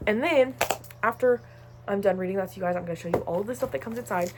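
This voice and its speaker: Young woman vlogger, casual and animated, teasing lectures, phone mic, faint background noise. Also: medium pitch, a little fast. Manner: chatty, playfully scolding, jumps to loud emphatic bursts. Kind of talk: casual unboxing vlog.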